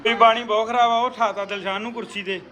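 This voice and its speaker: Bright-voiced Punjabi woman talking to kids. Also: on the high side, steady tone, fast, a little hiss or hum, low-quality recording. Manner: coaxing, teasing, motherly questioning. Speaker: vlogger filming her children. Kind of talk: casual family vlog, talking to children.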